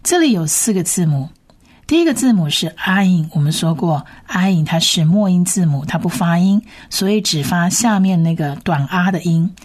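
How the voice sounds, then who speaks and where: A woman teaching how to read Hebrew words, spelling out each sound and repeating it slowly. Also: lowish voice, expressive, darkish tone. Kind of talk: slow reading lesson.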